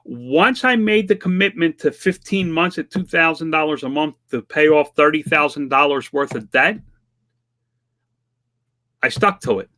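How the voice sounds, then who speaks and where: A man's voice: on the high side, moderate pace, bright, forceful tone. A man in his fifties, a vlog host chatting casually and plainly as he answers viewer questions, self-deprecating and conversational. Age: 50s. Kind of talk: casual chat.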